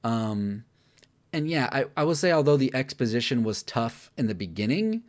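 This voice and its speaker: A man's voice: medium pitch, lively intonation, brisk. A man co-hosting a casual film review, talking candidly with lots of fillers and restarts.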